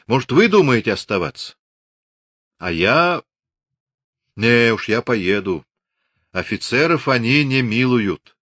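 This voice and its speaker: A man's voice: medium pitch, very animated, slow, pauses often, fairly bright tone, dry recording, voice pushed up, full character voice. A man playing a grim young Cossack officer. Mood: grim resolve.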